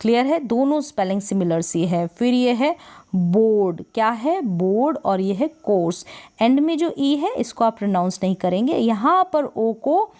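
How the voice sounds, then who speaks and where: A woman's voice: a little high, lively intonation, darkish tone. A woman teaching English spelling and pronunciation, patiently repeating and drilling each word. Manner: patient, repeats words slowly and drills them.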